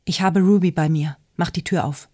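A woman's voice: on the low side, normal speed, a little mellow, lightly acted. A woman reads the part of a frightened young woman urging her sister to leave, in an urgent, pleading voice. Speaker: audiobook character.

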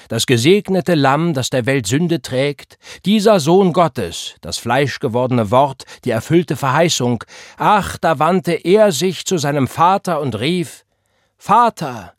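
A man's voice: fairly high pitch, no echo, studio quality, pitched above the performer's own voice. Man doing a fervent young revival preacher. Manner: fervent, rising cries, drawn-out stresses. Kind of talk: impassioned sermon.

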